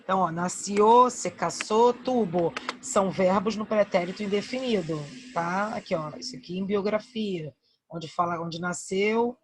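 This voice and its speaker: A woman's voice: mid-range voice, normal speed, slight background noise. A woman teacher with a Brazilian Portuguese accent takes an online class through verb conjugations one by one. She speaks patiently and repeats each form. She checks in often with short questions to her students. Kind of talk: online Spanish grammar lesson.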